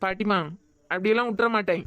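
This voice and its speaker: A woman with a Kanyakumari Tamil accent voicing a teasing, devoted young male doctor in a cartoon, scolding in quick banter. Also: medium pitch, steady tone, a bit bright, no room sound, highs cut off, lightly acted. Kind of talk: cartoon voice acting.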